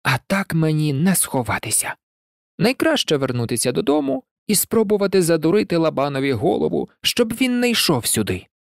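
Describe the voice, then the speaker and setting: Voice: medium pitch, big pitch swings, a little fast, creaky, no echo, clean studio sound. A reader voicing a sly young fox in a storybook, muttering and plotting to himself. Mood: scheming.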